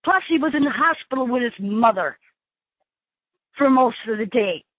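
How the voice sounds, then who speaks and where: A woman's voice: on the high side, lively intonation, normal speed, dry recording. A woman taking a call on a prison phone line, talking bluntly and angrily and swearing often. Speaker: inmate's sister on a call.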